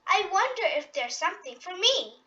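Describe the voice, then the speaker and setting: A storybook reader voicing an eager, cheerful little girl pig who is excited and curious. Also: very high voice, moderate pace, lo-fi sound, full character voice.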